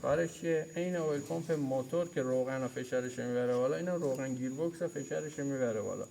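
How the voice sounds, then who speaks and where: A man's voice: mid-range voice, gravelly, warm tone. Man teaching in a noisy workshop. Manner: explains by pointing at parts, repeats key terms. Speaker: mechanics instructor. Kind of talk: hands-on workshop lesson. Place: auto repair workshop.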